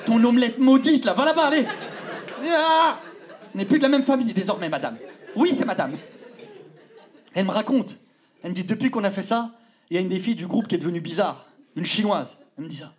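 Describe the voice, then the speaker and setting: A young man telling a stand-up story on stage, animated, acting out voices and sometimes shouting. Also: high voice, a little fast, pauses often. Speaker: stand-up comedian. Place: theater stage before a live audience. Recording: live show with loud laughing crowd and noise.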